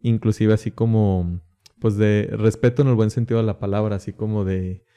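A man who is a priest, speaking as a podcast guest in casual chat, relaxed and laughing often. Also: on the low side, moderate pace, smooth.

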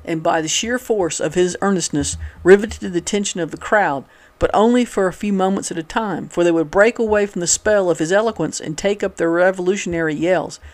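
A man with a fairly high voice reads a nineteenth-century newspaper report aloud. He keeps a steady, measured pace through the long sentences and sometimes restarts a word. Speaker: reader of a historical newspaper. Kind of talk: reading a newspaper article aloud.

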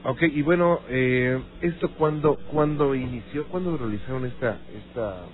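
A man's voice: medium pitch, measured pace. A man hosting a call-in radio show, asking brief, probing questions. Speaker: radio host. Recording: narrow phone-like sound, faint music.

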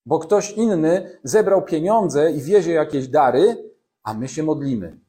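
Mellow-voiced male preacher. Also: fairly high pitch, lively intonation, measured pace. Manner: conversational preaching with asides to the congregation; reads scripture aloud within the sermon. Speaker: pastor. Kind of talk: sermon.

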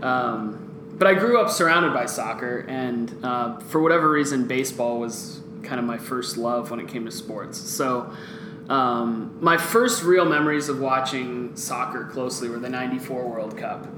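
Relaxed man telling sports stories. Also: medium pitch, normal speed. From Guatemala. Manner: relaxed storyteller, many fillers like "um". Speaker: podcast guest. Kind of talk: casual podcast chat. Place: office boardroom. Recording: echoey room with background noise.

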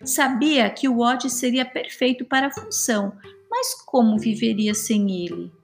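Lady narrating a kids storybook, a bit high voice, soft music underneath. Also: a little slow, creaky. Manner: expressive, steady storytelling. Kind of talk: children's story reading.

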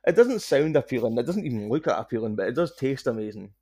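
A man's voice: mid-range voice, lively intonation, quick pace, dark tone, slightly rough. A man with a broad Scottish accent, chatting casually as a podcast guest and taking care to enunciate his words. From Scotland. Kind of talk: casual conversation.

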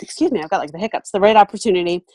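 A woman's voice: on the low side, racing, a little mellow, dry recording. A woman photographer and mentor chatting casually in an interview, thoughtful, with frequent ums and restarts. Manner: thoughtful, many fillers and restarts. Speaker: photographer and mentor, podcast guest.

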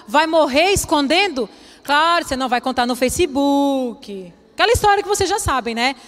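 A woman's voice: high-pitched, a bit bright. A middle-aged woman, preaching a chatty, humorous sermon to women and acting out quotes. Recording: long hall reverb.

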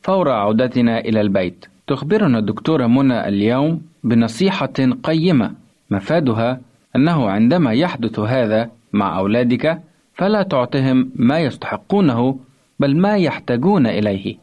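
A man's voice: mid-range voice, expressive, normal speed, darkish tone. A man introducing a radio segment in a formal, scripted presenting style, on a dull lo-fi radio recording. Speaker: radio announcer.

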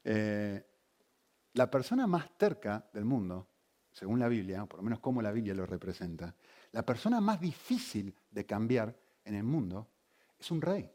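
A man's voice: lowish voice, sing-song, moderate pace, warm tone. A man preaching a sermon, engaging the congregation with frequent questions. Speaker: pastor.

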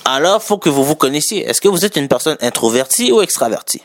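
A man with a Québécois accent talks viewers through business advice in a chatty, self-correcting way. His voice sits a little high and swings widely in pitch. The sound is dry and close, with no room echo. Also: lively intonation, fast talker. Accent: Québécois French. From Quebec. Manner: chatty, corrects his own wording, laughs lightly. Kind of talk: casual spoken advice to viewers.

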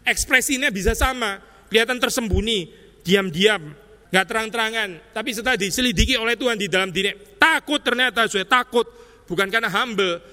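A man preaching a sermon with a fairly high, bright, forceful voice. He talks in a chatty way, dotting his lines with tag words and English terms. The sound carries a long church-hall reverb. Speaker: pastor. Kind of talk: expository sermon.

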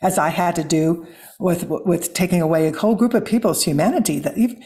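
Earnest Midwestern woman, lowish voice. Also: fairly quick, dark tone. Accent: Midwestern American. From Missouri, US. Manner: earnest, flowing, spiritual. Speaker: guest, author. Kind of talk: reflective conversational interview.

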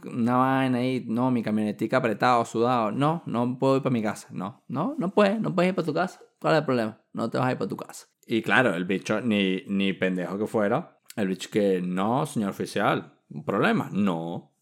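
Venezuelan dude on a podcast, chatty storytelling, does little voices and sound effects, normal pitch. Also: male voice, brisk, hardly any pauses. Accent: Venezuelan Spanish. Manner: animated, acts out scenes with sound effects and voices. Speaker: podcast host. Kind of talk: casual storytelling.

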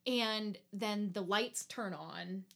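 A woman's voice: medium pitch, slow, gravelly, fairly bright tone. A woman co-hosting a podcast, chatting casually about a movie with lots of "like" fillers. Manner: chatty, many "like" fillers, acts out characters' lines. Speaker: podcast co-host. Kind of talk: casual chat reviewing a movie.

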